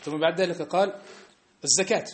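A man's voice: on the high side, a little fast. A man with a North African Arabic accent teaching a religious class. He is emphatic and keeps asking his listeners whether they have understood. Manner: emphatic, keeps checking understanding with rhetorical questions. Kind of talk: classroom lesson. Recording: echoey room.

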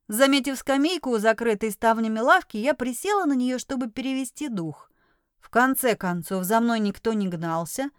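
A woman narrates an audiobook in the first person with a high voice and steady storytelling. The recording is close and dry. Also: no echo.

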